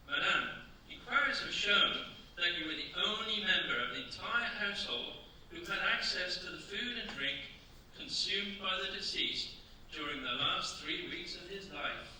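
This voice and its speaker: Playing a relentless French official in a staged radio play, an amateur male actor sounds stern and probing, with formal, accusatory, deliberate phrasing. His voice is high-pitched, bright, pushed and exaggerated, with lively intonation; the mic is distant, the stage echoey, and there's faint noise.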